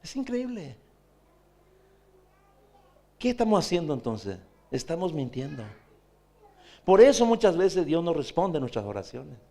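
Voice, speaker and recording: A man's voice: on the high side, very animated, unhurried, long pauses, warm tone. A man, preaching a sermon as pastor, pressing his point with repeated rhetorical questions.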